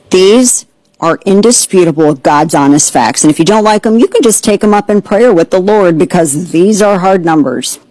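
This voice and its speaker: A woman hosting an opinionated political commentary show, sarcastic and mocking, with quick asides. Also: fairly low pitch, darkish tone, no room sound, low-quality recording. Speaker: host.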